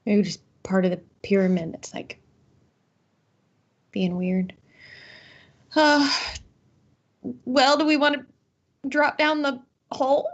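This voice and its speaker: A woman's voice: high-pitched, steady tone, takes it slowly, long pauses, dull audio. A woman player in a tabletop horror game, chatty and thinking aloud. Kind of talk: playing a tabletop game over a call.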